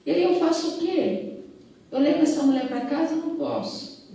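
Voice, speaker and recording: A woman's voice: high-pitched, mellow. A middle-aged woman with a Minas Gerais accent, a police chief speaking earnestly on a panel and often stopping to restart her sentences. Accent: Minas Gerais Portuguese. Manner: earnest, halting, with many restarts. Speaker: police chief at a women's police station. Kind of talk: panel talk, recounting a case. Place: event hall. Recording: very echoey hall, mic far off.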